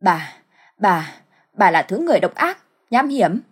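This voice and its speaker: A woman's voice: mid-range voice, big pitch swings, a little slow, breathy edge. A woman voicing a distraught young married man pleading with his mother in a storybook tale. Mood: anguished. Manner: pleading, shocked.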